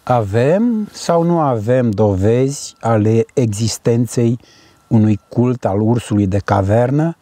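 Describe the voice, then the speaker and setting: A man's voice: mid-range voice, animated, measured pace, warm tone. A man in his sixties from Romania, a native Romanian speaker, explaining things unscripted as a researcher. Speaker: cave researcher.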